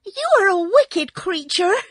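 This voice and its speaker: A woman voicing a proud, indignant small girl in a high voice. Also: sing-song, unhurried, no room sound, studio quality, heavily acted.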